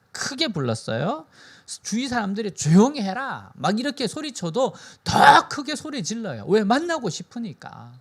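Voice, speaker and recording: Male pastor preaching a sermon; high, very animated voice; keeps asking the congregation questions. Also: creaky. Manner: animated preaching, frequent rhetorical questions to listeners.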